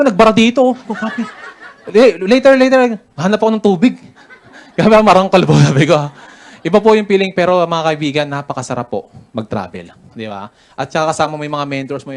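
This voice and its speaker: Animated man telling travel stories. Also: on the high side. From Philippines. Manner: chatty, jokey, laughs while telling stories. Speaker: motivational speaker, business mentor. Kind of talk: motivational story-telling talk.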